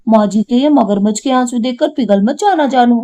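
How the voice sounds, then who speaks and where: A woman voicing a tearful, quarrelsome young wife in a cartoon, with a complaining, sharp-tongued manner. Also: on the high side, moderate pace, natural voice. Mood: indignant. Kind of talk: cartoon voice acting.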